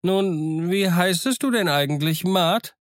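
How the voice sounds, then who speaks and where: A man voicing a childlike, excitable old castaway sailor who has gone half mad alone, in an eager, wheedling, sing-song way. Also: sits high, measured pace, dry recording, clean studio sound, voice pushed up. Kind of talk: audiobook character voice.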